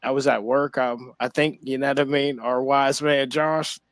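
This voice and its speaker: A man co-hosting a podcast in casual chat, rambling and halting with many restarts and fillers. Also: medium pitch, level tone, a bit bright, dry recording. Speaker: podcast co-host.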